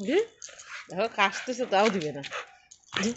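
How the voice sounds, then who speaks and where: A woman chats to her viewers and her pet dog on an open rooftop, with faint background noise. Her voice sits at a middle pitch, and she slips into a teasing sing-song whenever she coaxes the dog. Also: lively intonation, moderate pace, muffled recording. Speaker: pet vlogger. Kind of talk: casual vlog talking to her dog and viewers. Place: rooftop outdoors.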